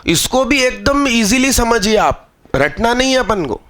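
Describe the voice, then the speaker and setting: A man's voice: very high-pitched, lively intonation, unhurried, a bit bright. A male math teacher giving a live exam-prep lecture, explaining step by step and scolding students into understanding.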